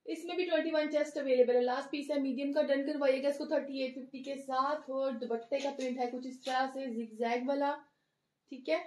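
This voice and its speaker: A high, bright-pitched woman with a Pakistani Urdu accent runs a live online clothing sale. She rattles through sizes and prices in a brisk, chatty seller's patter, greeting viewers as she goes. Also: steady tone. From Lahore, Pakistan. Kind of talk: live-stream sales patter.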